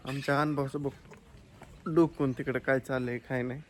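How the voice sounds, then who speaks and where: A man rambles chattily to his viewers, his voice staying fairly flat in tone. He records on his phone outdoors on a farm at dusk. Clear outdoor noise, animals and birds sit behind him. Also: mid-range voice, brisk, low-quality recording. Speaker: vlogger. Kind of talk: casual vlog chat to camera. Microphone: phone camera.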